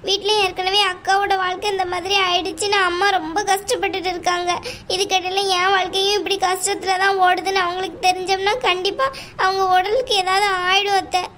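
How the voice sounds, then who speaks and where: A woman's voice: very high voice, level tone, brisk, a bit bright, a little hiss or hum. A woman voicing a young, newly married wife who pleads tearfully with her mother-in-law in an amateur audio drama. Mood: pleading.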